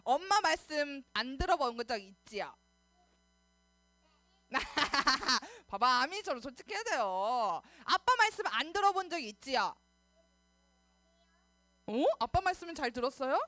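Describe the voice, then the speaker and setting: A woman teaching preschoolers at a Sunday service, coaxing them in an animated, sing-song way to repeat after her. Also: sits high, unhurried, pauses often, no room sound, soft background music. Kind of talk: children's sermon.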